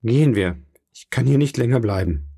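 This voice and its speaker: A man's voice: medium pitch, lively intonation, a little fast, creaky, dark tone, breathy edge, no room sound, clean studio sound. A man reading an audiobook and voicing a guilt-ridden, fearful man in a remorseful, pleading manner. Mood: guilty. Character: guilt-ridden, fearful adult male neighbour.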